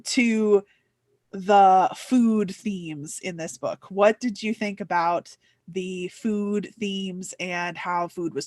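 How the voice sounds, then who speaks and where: A woman's voice: mid-range voice, no room sound, clean studio sound. A young woman hosting a casual book chat, talking with lots of fillers and putting on playful voices when quoting. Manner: chatty, many "like" fillers, playful quoted voices. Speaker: booktuber host.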